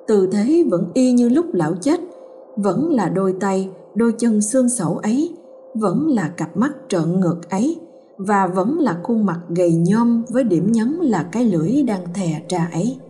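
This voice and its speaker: A woman narrating a horror story in a steady, dramatic storytelling manner. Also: mid-range voice. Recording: faint background music.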